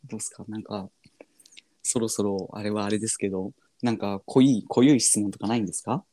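A man's voice: fairly low pitch, steady tone, brisk, warm tone, dry recording. A man chatting casually as a podcast guest, humble and polite with mock-formal turns of phrase. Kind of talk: casual chat.

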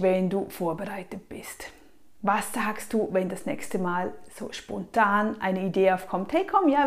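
A woman, giving casual, emphatic money-saving advice straight to the viewer, often dropping her voice softly. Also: medium pitch. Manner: emphatic and lively, with frequent soft drops in volume. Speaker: personal finance advice vlogger.

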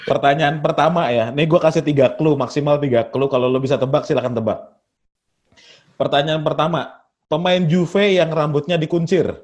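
A man's voice: fairly high pitch, steady tone, moderate pace, a little mellow. A man with in a casual podcast chat, teasing his friends and running a quiz with clues. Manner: joking, teasing, quizzes with clues.

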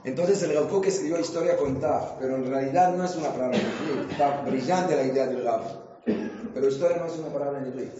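A man, a rabbi giving a lively Torah class in a synagogue, quizzing his listeners and joking with them. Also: mid-range voice, quick pace, noisy background. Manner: jokes and quizzes the audience with questions. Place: synagogue hall. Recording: echoey hall, dull lo-fi sound.

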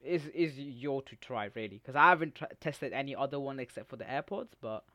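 A man's voice: medium pitch, a little fast, pushed and bright, dry recording, clean studio sound. A young man co-hosting a podcast in informal, bantering casual chat. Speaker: podcast co-host.

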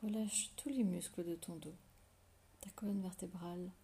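Close, whispering woman guiding meditation, creaky. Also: on the low side, fairly even intonation, warm tone. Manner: slow, soothing instructions with long pauses. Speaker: guided meditation leader. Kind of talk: soft whispered guided relaxation meditation.

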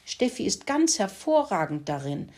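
A woman voicing a calm, wise male tomcat who gently lectures a friend. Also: mid-range voice, normal speed. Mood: lecturing.

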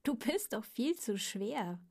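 A cheeky little earthworm teases a friend in a slow, smug storybook voice, as a woman reads him. A husky softness runs through the voice. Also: on the high side, sing-song, heavily acted. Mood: teasing. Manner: teasing, giggling.

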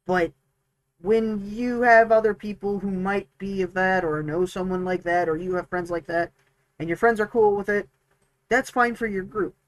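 A man's voice: sits high, fairly even intonation, moderate pace, no room sound, poor audio. A man co-hosting a tabletop gaming podcast, chatting casually and rambling with many restarts and fillers. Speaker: podcast co-host, dungeon master. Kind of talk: casual chat.

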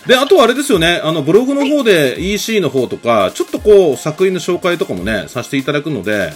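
An effusive man hosts a friendly radio-style interview, talking fast with wildly swinging pitch. He reacts quickly and chattily to his guest. Faint music plays beneath his voice. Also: very animated. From Kansai region of Japan. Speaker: podcast host.

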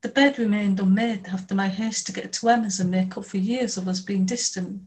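A woman narrates a first-person audiobook chapter in a steady, measured voice. Her pitch sits at a middling, everyday level for a woman. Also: poor audio.

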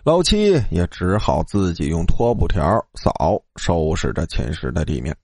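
A man narrating a comic ghost story in a lively, animated storytelling manner. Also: low-pitched, a little slow, creaky, dry recording, studio quality.

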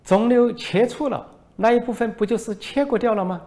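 A man voicing a sly male foreign reporter who asks mock-innocent, needling questions in a raised, slowed voice. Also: a little mellow. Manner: high, slow, needling, mock-polite.

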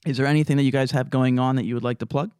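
A man with a smooth, resonant voice talks loosely in a casual podcast roundtable, stringing thoughts together with plenty of fillers and swear words. The sound is dry and close, with no room around it. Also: medium pitch, steady tone, rapid-fire, warm tone, dry recording. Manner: rambling, heavy on fillers and profanity.

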